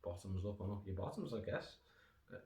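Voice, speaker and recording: A man's voice: sits low, animated, a little fast. A British man giving a casual, rambling snack review in a sarcastic, sweary, digressive way. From United Kingdom. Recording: echoey room with faint noise.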